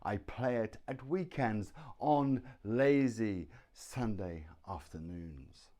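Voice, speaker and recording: A middle-aged man with a British accent teaching pronunciation, slowly repeating words and sounds. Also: on the low side, mellow. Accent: British English. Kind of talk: slow pronunciation lesson.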